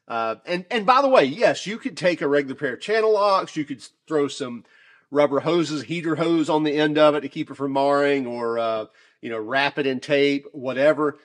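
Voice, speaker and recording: A man's voice: a little high, normal speed. Chatty man reviewing shop tools. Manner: chatty, relaxed, lots of fillers and restarts. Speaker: tool reviewer. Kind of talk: casual product review.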